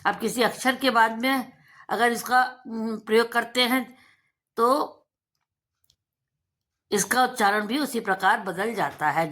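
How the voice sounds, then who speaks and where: A woman's voice: mid-range voice, a bit bright. A woman teacher giving a lesson to children, drawing out example words and asking and answering her own questions. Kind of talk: slow, deliberate Hindi lesson for children.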